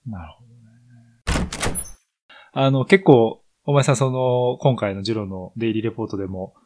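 A man's voice: mid-range voice, normal speed, darkish tone, a little hiss or hum. A man hosting a podcast interview. He asks long, winding questions in a polite tone.

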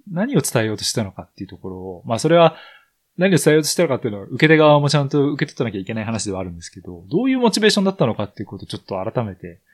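A man's voice: medium pitch, very animated, very fast. A man hosting a podcast interview. He asks long, winding questions in a polite tone.

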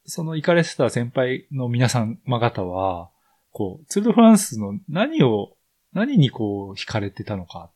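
A man's voice: mid-range voice, very animated, a little slow, darkish tone. A man hosting a podcast interview. He asks long, winding questions in a polite tone.

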